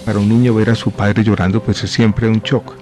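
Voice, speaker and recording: A man in his forties answers questions on a radio broadcast. His voice sits low and he speaks in a measured, reflective way, pausing often and filling gaps with small hesitations. Faint music plays under the broadcast. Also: level tone, warm tone. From born in Chile, raised in Colombia. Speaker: guest, health minister.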